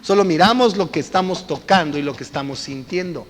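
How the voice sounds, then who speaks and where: A man's voice: fairly high pitch, fairly quick. A male pastor preaching a sermon, telling stories and drawing the congregation in. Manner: lively storytelling with congregation interaction. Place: church. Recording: echoey church hall.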